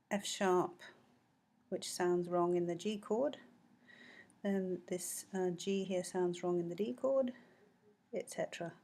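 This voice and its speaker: A woman's voice: fairly low pitch, warm tone. A woman teaching music analysis, explaining a score step by step and humming short bits of melody. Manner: explanatory, sings snippets of melody.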